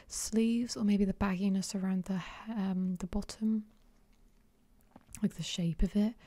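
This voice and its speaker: An ASMR creator whispers into a close microphone for a try-on, her voice breathy, mellow, and a little low in pitch, in a dry, deadened space with no room sound. She sounds hesitant and unsure, often trailing off with plenty of soft ums.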